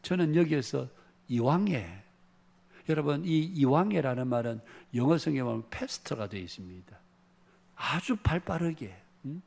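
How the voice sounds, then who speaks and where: Man pastor, gravelly voice, earnest sermon, emphatic rising phrases, church. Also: mid-range voice, expressive, normal speed, darkish tone. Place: church sanctuary.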